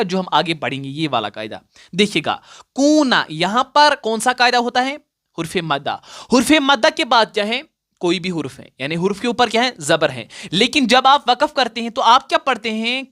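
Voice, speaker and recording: A man's voice: high voice, sharp tone. Give me a man teaching recitation rules at a board, patient and repetitive, asking the class questions. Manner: patient, repeats points and asks the class questions before answering them.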